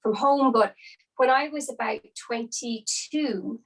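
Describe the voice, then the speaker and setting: A woman's voice: a little high, slow pace, vocal fry, poor audio. A woman with an Irish Midlands accent chatting casually as an interview guest, peppering her talk with "like" and "you know". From Longford, Irish Midlands. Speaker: podcast guest, opera soprano.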